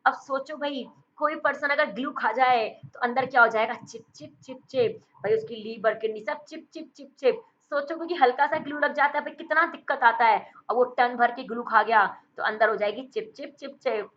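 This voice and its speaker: A woman's voice: on the high side, normal speed, hardly any pauses, a bit bright, muffled recording. A woman teaching vocabulary for exam prep, with playful memory tricks and jokes, calling her students beta and bhai.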